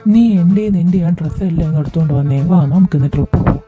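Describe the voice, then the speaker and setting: A woman voicing a drunken, bossy husband who shouts orders at his wife in a fan audio drama. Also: fairly low pitch, fast talker, soft background music, close to an everyday voice. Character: drunken blustering husband, adult man.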